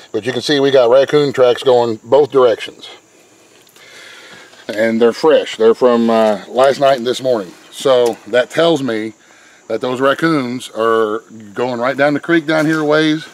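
Outdoors beside a pen and a wooded creek, a middle-aged man shows how he sets traps on his homestead, walking through each step in a plain, folksy manner. His voice is medium in pitch. The recording is rough, captured on a nearby handheld camera mic, with faint crickets and insects in the background.

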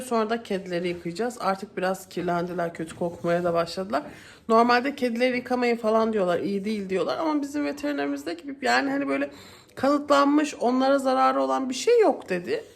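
A woman's voice: fairly high pitch, vocal fry. A woman vlogging casually at home, chatty and often exasperated as she complains. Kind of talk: casual home vlog chat. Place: home kitchen. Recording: echoey room, voice from a distance, faint noise.

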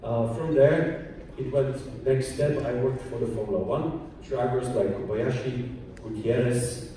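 A man's voice: mid-range voice, dark tone, a little hiss or hum. Man in an echoing hall. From Austria. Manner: plain, explanatory, with frequent um and uh pauses. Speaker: conference speaker. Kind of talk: presentation talk. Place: large conference hall. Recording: echoey hall from far off.

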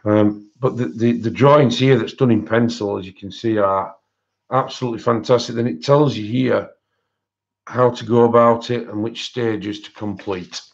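A man's voice: lowish voice, steady tone, moderate pace. A man who says w for r, chatting casually as he hosts an art livestream. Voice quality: cannot pronounce his R's properly, says w for r. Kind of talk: casual live-stream chat, showing colouring books. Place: indoors at a desk, overhead camera on hands. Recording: dull, lo-fi sound.

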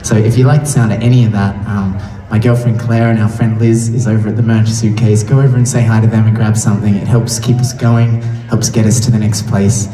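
A musician chatting loosely and gratefully to a crowd between songs at an outdoor concert, heard through the stage speakers. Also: male voice, fairly low pitch, flat delivery, brisk, few pauses, dark tone. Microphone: stage vocal mic through PA. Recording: distant, echoey live PA sound with music.

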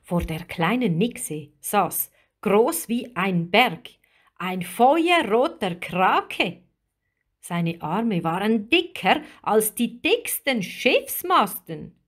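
A woman reading a children's storybook aloud as narrator, slow and expressive. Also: mid-range voice.

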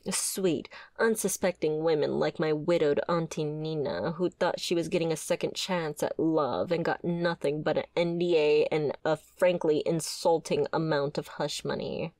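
A woman's voice: low-pitched, moderate pace, hardly any pauses, a little mellow, dry recording. A woman playing a wry, flirtatious female mafia boss with a sardonic, conversational manner in a scripted ASMR roleplay. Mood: wry, explaining.

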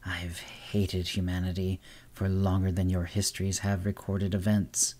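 A man's voice: low-pitched, completely flat delivery, measured pace, darkish tone. Will-o'-the-Wisp, a man doing a hissing ancient spirit. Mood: scornful. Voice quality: hissing whisper. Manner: weary, scornful.

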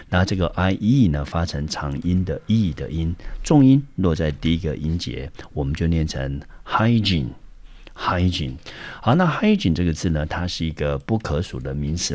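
A man from Taiwan teaching English vocabulary, explaining each step patiently. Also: very deep voice. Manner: patient explaining, frequent "好" to pace steps. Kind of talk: vocabulary lesson.

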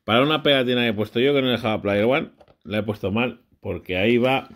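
A man's voice: mid-range voice, fast, a bit bright. A man, casually vlogging a brick build with his child, chatty and often unsure as he corrects himself.

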